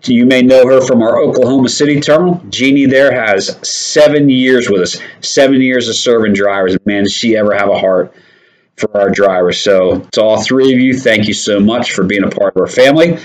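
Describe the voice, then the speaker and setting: A man's voice: medium pitch, fairly even intonation, normal speed, poor audio. A man hosting a casual company safety update, upbeat and encouraging, who often checks in with "right?".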